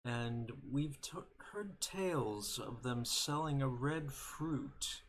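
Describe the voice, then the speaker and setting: Brief: man as earnest adventurer, gravelly, slow, polite questions. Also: mid-range voice, fairly bright tone, slight background noise. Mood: puzzled.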